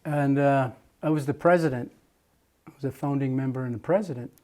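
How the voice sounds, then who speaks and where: An elderly Jamaican muralist talks at length about his past in an oral history interview, stopping and restarting often and filling gaps with fillers. His mid-range voice is mellow and he speaks briskly.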